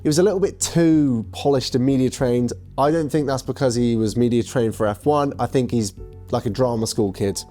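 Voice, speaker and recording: A man runs a game show panel in casual, blunt banter. He talks in a mid-range voice and dismisses weak stories flatly. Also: mid-range voice, fairly quick, faint music behind. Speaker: panel host.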